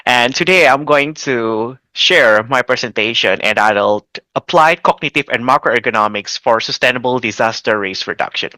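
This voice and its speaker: A man, giving a recorded lecture presentation in a relaxed way with fillers like okay and you know. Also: medium pitch, normal speed, few pauses, no room sound. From Indonesia. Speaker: assistant professor, presenter.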